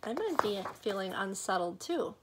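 Reading a picture book to young children, a middle-aged woman uses a medium-pitched, sing-song voice, pausing dramatically and tossing in casual comments to her listeners. There is background noise in the recording.

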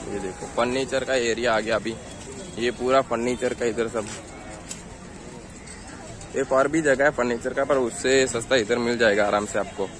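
A young Indian man chats casually on a walking vlog through a busy outdoor street market, asking sellers about prices and haggling along the way. His medium-pitched voice is steady at a normal speed, with long pauses. It's filmed on a handheld phone, a noisy street recording full of crowd chatter and passing traffic.

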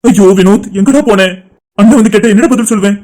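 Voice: mid-range voice, fast talker, loud music behind the voice, pitched below the performer's own voice, close to an everyday voice. A voice artist voicing a worried, protective male friend in a cartoon drama, anxious and urging. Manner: anxious, scolding then soothing.

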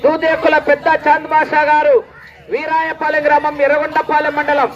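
High-voiced man announcing a rural contest. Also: fairly quick, lo-fi sound. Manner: excited whoops and shouts between announcements. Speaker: event announcer. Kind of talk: live announcing and cheering at a bull pulling contest. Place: outdoor rural event ground. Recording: faint crowd and noise outdoors.

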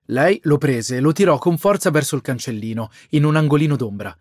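A man giving a steady, scripted audiobook narration. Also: a little high, fairly quick, dry recording, clean studio sound.

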